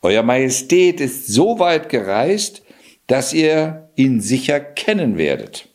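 A man voicing a cunning, flattering tomcat in a spoken fairy tale, pleading theatrically with a king. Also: mid-range voice, takes it slowly. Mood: sly. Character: sly fawning tomcat, cunning schemer.

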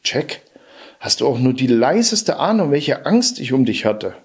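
A man voicing a poor widowed mother in a storybook reading, scolding her son out of worry, with a husky voice. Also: medium pitch, very animated, measured pace, exaggerated voice.

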